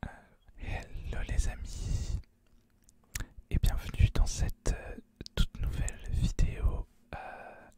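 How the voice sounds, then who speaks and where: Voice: slow pace, warm tone. A host whispering right into the listener's ear in informal, rambling ASMR gaming commentary, with some hesitation.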